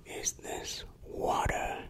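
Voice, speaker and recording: An ASMR artist uses a breathy whisper to portray a commanding, hush-hush underground dealer. The pace is slow and the tone hushed and secretive, with repetition of phrases throughout.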